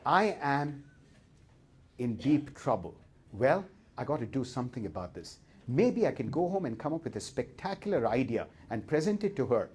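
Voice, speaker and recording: A man giving a humorous seminar talk, telling stories in a lively way and acting out voices. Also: medium pitch, moderate pace, slightly rough. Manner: lively storytelling with acted-out voices. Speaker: speaker.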